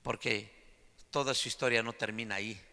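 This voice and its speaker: Bright-voiced emphatic preacher in a church. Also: male voice, fairly low pitch, fairly even intonation, moderate pace, vocal fry, in a large hall. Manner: emphatic preaching, often loud and climbing. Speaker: apostle preaching to his congregation. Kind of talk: sermon. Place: church sanctuary.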